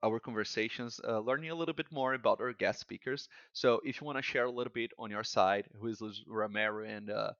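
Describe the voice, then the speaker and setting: A man's voice: fairly low pitch, fairly even intonation, brisk, hardly any pauses, fairly bright tone, no echo, dull audio. A man hosting a podcast, friendly and leaning on many "uh" fillers. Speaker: podcast host. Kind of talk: podcast interview.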